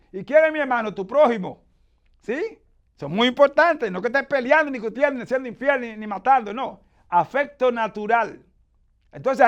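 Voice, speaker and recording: A man preaching in a strikingly high voice, pressing his points hard and keeping his listeners with him by asking again and again whether they follow. He works scripture verses into the sermon from memory. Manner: emphatic, keeps asking the congregation "¿usted ve?".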